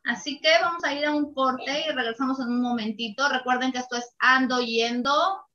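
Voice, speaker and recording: Chatty woman host, bright tone, dull studio sound. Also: sits high, moderate pace. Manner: chatty, laughs often. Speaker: radio show host. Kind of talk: casual radio talk show.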